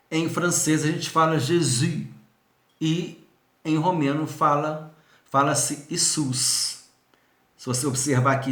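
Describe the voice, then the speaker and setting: Teaching man in an echoey room. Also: a little high. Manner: explanatory, restarts and repeats points; addresses viewer directly. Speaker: seminary teacher. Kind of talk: recorded video lesson.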